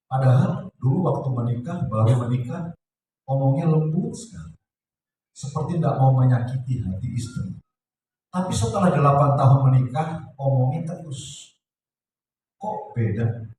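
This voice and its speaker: Male pastor, lively sermon delivery with big pitch swings, heard from afar in a very reverberant church hall with faint background noise. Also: normal speed, long pauses. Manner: animated, acts out family quarrels in lively voices. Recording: very echoey hall, distant mic, faint noise.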